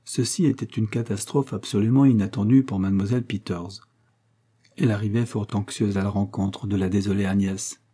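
Casting: male audiobook narrator, mellow dark tone, husky, measured. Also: on the low side, fairly even intonation. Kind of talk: scripted narration of a novel.

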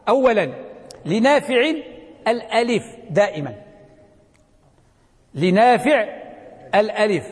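A man's voice: sits high, in a large hall. A man teaching a class, asking students questions and repeating the key points. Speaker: teacher of Quran readings. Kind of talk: classroom lecture. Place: classroom with a blackboard.

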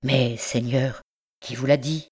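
A woman's voice: a bass voice, very animated, slow, a little mellow, breathy edge, exaggerated voice. A woman doing an old bookseller who stammers over his treasures. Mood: fretful. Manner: stammering, pleading, feverish.

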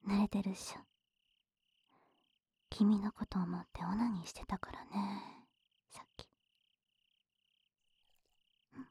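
Woman acting a breathy, soft-spoken older sister, pillow-talk role-play. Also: medium pitch, steady tone, no echo, full character voice. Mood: languid, indulgent. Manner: languid, casual, unhurried pillow talk. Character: lazy, indulgent, drowsy older sister in bed. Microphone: close microphone, dry sound.

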